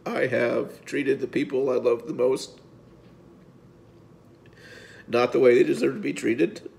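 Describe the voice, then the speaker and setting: Man, 30s, gravelly mid-pitched voice, heartfelt and faltering, near tears. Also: flat delivery, a little mellow. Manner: halting, repeats words, speaks from the heart. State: tearful, voice breaking at times. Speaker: physique coach. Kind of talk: emotional personal video update.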